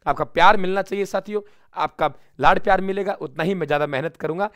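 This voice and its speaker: A man teaching a lesson through a memory story, lively and repeating lines for recall. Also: high voice, quick pace, dry recording. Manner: lively, addresses students as friends, repeats for memory.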